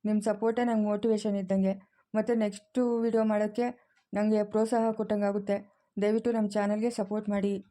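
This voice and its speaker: A woman from the Chikkaballapur region with a rural Kannada accent, closing her channel video with a quick, earnest appeal to viewers. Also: mid-range voice, level tone, dark tone. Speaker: channel host.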